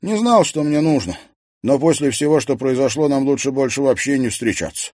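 A man's voice: medium pitch, lively intonation, moderate pace, darkish tone, no room sound, studio quality, voice pushed up, lightly acted. A man voicing a sullen young man who speaks gloomily and tiredly. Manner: gloomy, tired, bursts into anger.

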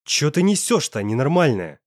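A man's voice: on the high side, very animated, normal speed, no echo. Man doing a crude angry young dude, slangy threats, dry close sound. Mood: scornful. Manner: coarse, slangy, menacing.

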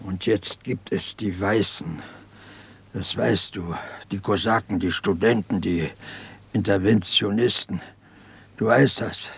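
An actor playing a guilt-ridden peasant partisan in a 1950s radio drama, speaking in a brooding, halting, pleading way. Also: male voice, lowish voice, creaky, slightly rough, full character voice.

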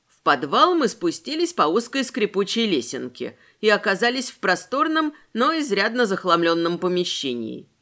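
A woman narrating a first-person fantasy story expressively, voicing the heroine's nervous asides. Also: medium pitch. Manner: expressive, voices the heroine's fears. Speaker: audiobook narrator.

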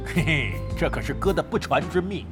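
Over music, a man with a fairly high, lively voice speaks a little fast, close to how he'd normally talk. He's an actor in a Chinese audio drama playing a brash, crafty middle-aged veteran gamer who sounds smug, bantering in cocky slang while grumbling and swearing.

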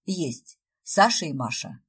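A playful, teasing man playing Father Frost, all mock-solemn jokes and theatrical complaints, as a woman narrator voices him. The voice sits low and a touch husky, in a storybook reading. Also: very animated, slow, full character voice. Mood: mock-serious.

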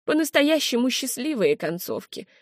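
Женщина читает за мудрую мягкую наставницу. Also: female voice, sits high, normal speed, no echo, clean studio sound, voice pushed up. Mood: gentle. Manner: calm, gentle, reassuring. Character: wise gentle older woman mentor.

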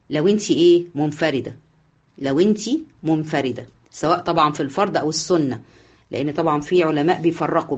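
A woman with an Egyptian Arabic accent teaching a class, asking her students questions and answering them herself, repeating the key points. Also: deep voice. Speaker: Islamic jurisprudence teacher. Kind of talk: online class lecture.

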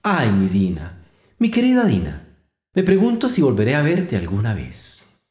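A man's voice: mid-range voice, wildly swooping pitch, measured pace, darkish tone, reverberant. A man voicing an eager, polite young girl in a told fairy tale, with an earnest, pleading manner. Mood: wistful.

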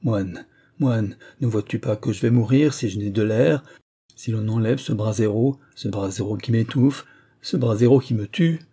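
A man's voice: fairly low pitch, moderate pace, warm tone, slightly rough. A man reading aloud, voicing a dying old king who gasps and begs for air. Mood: desperate. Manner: gasping, desperate cries.

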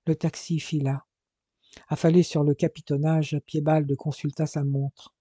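A man narrating an adventure novel in a measured, expressive storytelling manner. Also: on the high side, no room sound. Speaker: audiobook narrator. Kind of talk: audiobook reading of a French adventure novel.

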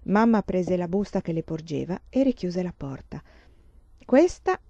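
A woman reading a children's novel aloud, in a measured, steady narration. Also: lowish voice, vocal fry, dry recording. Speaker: reader. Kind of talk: audiobook narration. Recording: dull lo-fi recording.

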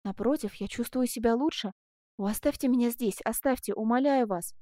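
A woman's voice: fairly high pitch, a little fast, dark tone, no echo, close to an everyday voice. A woman reads a devoted young apprentice in an audiobook. He reassures and pleads earnestly. The tone is light and raised, close and dry. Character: devoted young male apprentice, brave and gentle.

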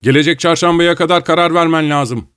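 A man doing a loud, mocking young man. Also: mid-range voice, fairly quick, no echo, clean studio sound, close to an everyday voice. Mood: teasing. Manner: loud, teasing.

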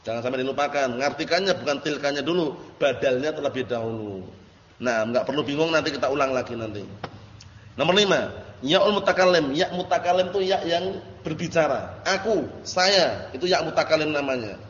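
A man's voice: fairly high pitch, fairly quick. A man teaching an Arabic grammar lesson in a classroom, patiently checking that his students understand. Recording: echoey lo-fi classroom recording.

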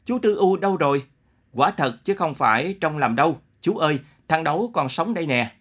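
A man's voice: fairly high pitch, very animated, moderate pace, a bit bright. A man voicing a tearful elderly village elder in a read story, with trembling, wailing exclamations. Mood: overjoyed.

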